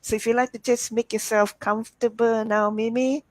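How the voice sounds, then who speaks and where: A woman giving a softly spoken guided relaxation as a healer, in a soothing, gentle, calming manner. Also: a little high, dry recording. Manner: slow, gentle, calming instruction. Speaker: healer hosting an online healing show.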